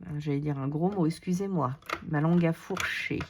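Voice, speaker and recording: A woman's voice: deep voice, moderate pace, background noise. A woman with a cold chatting casually through a craft tutorial, muttering self-deprecating asides to herself as she works. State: has a cold. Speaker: scrapbooking crafter demonstrating a page. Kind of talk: casual craft tutorial, talking while working.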